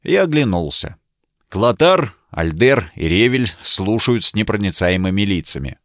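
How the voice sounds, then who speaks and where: A man's voice: on the low side, very animated, a little slow, a bit bright, dry recording. Man reading a story with dry wit. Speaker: audiobook narrator. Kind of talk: scripted narration of a fantasy novel.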